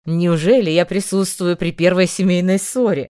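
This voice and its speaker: A woman's voice: lowish voice, normal speed, mellow, no room sound, clean studio sound, natural voice. A woman voicing a mocking male magister who talks in a gushing, mock-sentimental way. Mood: mock tender.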